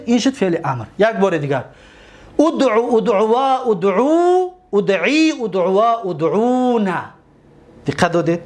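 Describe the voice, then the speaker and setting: A man with a high-pitched voice leads a grammar lesson in a patient teaching tone. He draws out each word form slowly and repeats it. He keeps asking his listeners whether they are following. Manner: slow drawn-out recitation of word forms.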